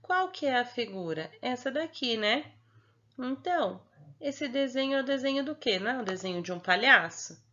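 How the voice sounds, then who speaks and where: A young woman teacher with a Brazilian Portuguese accent, slowly walking small children through their homework in a patient, sing-song way and often checking in with them. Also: on the high side, lively intonation, pushed and bright. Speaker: primary school teacher. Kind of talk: remote lesson explaining homework to young children. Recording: dull lo-fi home recording.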